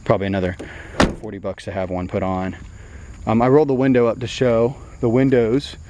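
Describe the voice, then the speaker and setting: A man's voice: lowish voice, flat delivery, brisk. A man showing an old car and chatting about it casually, rambling with plenty of fillers. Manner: easygoing, rambling with many fillers. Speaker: classic car dealer. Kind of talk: casual walkaround commentary. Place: outdoors around an old car. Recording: loud outdoor noise.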